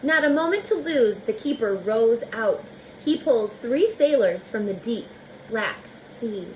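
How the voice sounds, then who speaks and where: In this poor-quality recording with a faint hiss or hum, a teacher reads a children's picture book aloud. Her voice is a little high with lively intonation, and she speaks slowly and deliberately, adding friendly asides to the kids listening.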